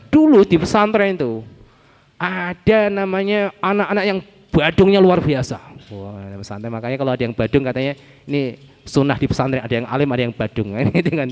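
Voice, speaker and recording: Man preaching with long hall reverb. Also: mid-range voice. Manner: animated storytelling, mixing Arabic phrases, laughs. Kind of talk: lively sermon. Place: mosque or Islamic center hall.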